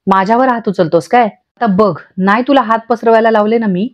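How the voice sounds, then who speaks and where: A woman's voice: fairly high pitch, a little fast, natural voice. Woman reading a sneering older villain, mocking, dull lo-fi audio. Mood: taunting. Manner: mocking, boastful. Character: scheming older man villain, gloating and taunting.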